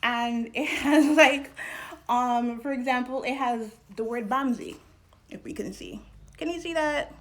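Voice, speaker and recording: A young adult woman from New York, hosting a casual educational talk to camera in an animated, chatty way with fillers. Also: a little high, unhurried. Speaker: channel host.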